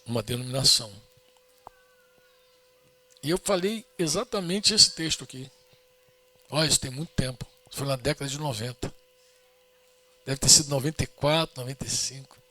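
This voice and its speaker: A man's voice: a little high, pushed and bright, dry recording. A middle-aged man with a Brazilian Portuguese accent preaching a sermon in an earnest, storytelling way, often asking the congregation to say amen.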